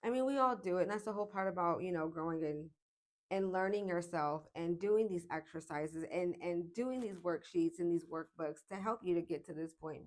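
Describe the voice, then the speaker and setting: A woman in her late twenties talking to camera in a casual self-help vlog, reflective and chatty, with frequent pauses and fillers. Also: fairly low pitch, a little mellow. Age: 20s. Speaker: vlogger.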